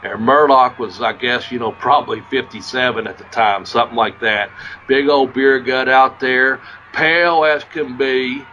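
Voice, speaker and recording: A man's voice: mid-range voice, steady tone, normal speed, sharp tone, muffled recording, slight background noise. A man hosting a podcast and telling wrestling stories in a rambling, profane way, losing his voice a little. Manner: rambling, profane, restarts often. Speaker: podcast host, former wrestler. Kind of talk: casual storytelling.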